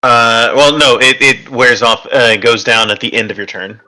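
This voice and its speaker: Bright-voiced man running a tabletop game. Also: mid-range voice, low-quality recording. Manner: relaxed, halting, with silly put-on enemy voices. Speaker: game master.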